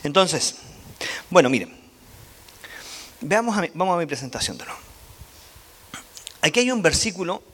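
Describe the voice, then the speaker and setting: Man teaching the Bible in an animated way, with a high, bright voice. Keeps asking the group questions. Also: moderate pace, long pauses, a little hiss or hum. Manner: animated, asks the audience questions. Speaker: church teacher.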